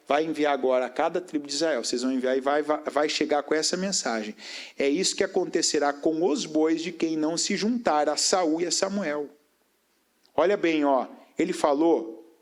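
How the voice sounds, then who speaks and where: A man delivers a sermon in a high-pitched voice. He keeps throwing rhetorical questions at his congregation. His delivery climbs into raised, emphatic phrases and then sinks into low, quiet stretches. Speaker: preacher.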